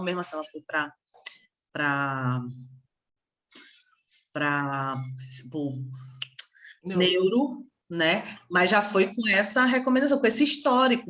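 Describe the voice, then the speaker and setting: A woman teaching a casual online class, a lively storyteller who acts out her conversations with parents. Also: mid-range voice. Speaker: psychopedagogy teacher.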